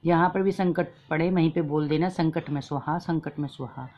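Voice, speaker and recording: A woman voicing a worried old village mother in a folk tale, speaking softly and pleadingly. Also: low-pitched, fairly even intonation, fairly quick, highs cut off.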